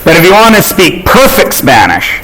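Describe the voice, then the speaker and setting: A man's voice: high-pitched, huge pitch swings, moderate pace, sharp tone, slight background noise, low-quality recording. A Canadian man teaching math in a classroom, joking and teasing his students on a chatty tangent.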